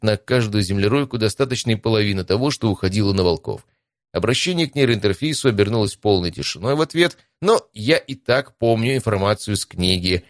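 A man with a very deep voice reads an adventure audiobook in a calm, even first-person narration. The sound is close and completely dry, with no room echo.

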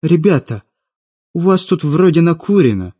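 A man voicing a calm, slightly awkward young man, with a slightly husky voice. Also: on the high side, moderate pace, voice pushed up. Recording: dull lo-fi audiobook with faint music.

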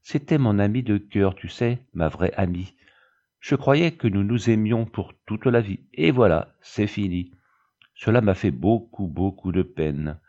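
A man reading the part of a chatty, excitable young girl who confides eagerly to her big sister, in a storybook reading. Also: on the low side, measured pace, lo-fi sound.

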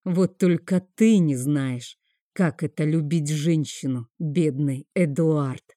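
A woman voicing a calm, scornful older high priest in an audiobook. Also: slow, no echo, studio quality. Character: high priest, older man, cold and sarcastic.

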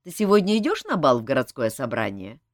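A woman's voice: rumbling low, big pitch swings, brisk, dry recording, voice pushed down. A woman voicing a dry-witted man in charge who teases his friend. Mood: wry. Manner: wry, joking.

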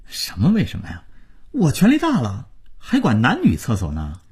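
Proud young cleaner, read by a man: wry, offhand, raspy. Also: mid-range voice, big pitch swings, moderate pace, warm tone, exaggerated voice.

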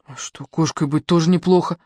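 A woman reading aloud and voicing a gentle, dreamy plump woman who muses mildly. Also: low voice, steady tone, brisk, no echo. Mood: musing. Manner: mild, musing, unoffended.

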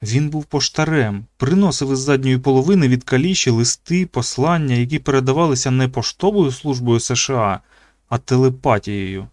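Male audiobook narrator with a mid-pitched voice and a measured, even read, recorded close and dry. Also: dry recording. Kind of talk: scripted narration.

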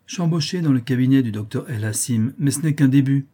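A man reading an audiobook, voicing a calm, determined young lawyer a little above his own pitch. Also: quick pace, slightly rough, lightly acted. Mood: firm. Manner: calm, firm.

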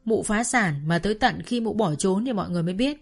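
A woman reading a first-person family story in a calm, intimate storytelling manner. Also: medium pitch, fast, faint music behind.

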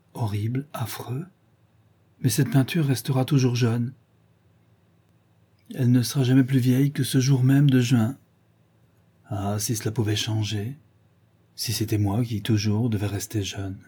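A man's voice: mid-range voice, dark tone, husky. A man voicing an anguished, vain young man who laments in a pleading tone in an audiobook reading. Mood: mournful.

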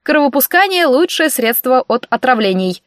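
A woman voicing a nosy, cheeky old mother of a healer who meddles loudly in everything. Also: very animated, normal speed, no room sound, clean studio sound. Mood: shrill meddling. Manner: shrill, bossy, meddling.

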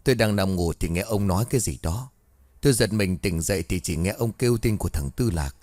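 Man doing a shrill, fretful old village woman. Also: expressive, fairly quick, darkish tone, dry recording. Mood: worried. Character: old village woman, anxious and sharp-tongued.

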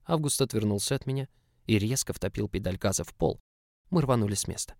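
A man narrating a novel in the first person in an even, measured reading. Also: lowish voice, no echo, studio quality. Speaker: audiobook narrator.

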